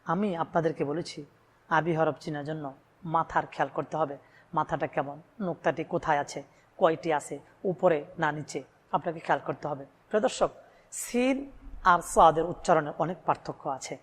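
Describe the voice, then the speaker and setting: A man from Bangladesh teaching Quran reading, addressing viewers and stretching out each Arabic letter sound with emphatic repetition. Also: a little high. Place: room with a blackboard. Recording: long hall reverb.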